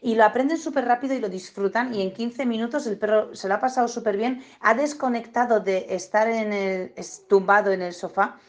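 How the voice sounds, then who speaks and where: A woman with a Spain Spanish accent giving a casual, digressive lesson as a dog trainer, now and then acting out owners and dogs in squeaky voices. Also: a little fast, hardly any pauses. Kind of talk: casual spoken lesson to viewers.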